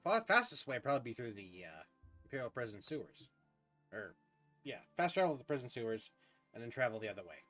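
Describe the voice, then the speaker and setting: A man's voice: mid-range voice, very animated, fast talker, fairly bright tone, soft background music. A man streaming a game, chatting casually and thinking aloud, often trailing off mid-sentence. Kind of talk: casual gameplay commentary.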